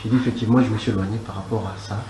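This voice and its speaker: Fast-talking man in an echoey, noisy room. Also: lowish voice, a crowd in the background. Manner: animated, with frequent repeats and restarts. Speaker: guest giving a religious testimony. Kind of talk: conversational storytelling. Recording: echoey room with loud background noise.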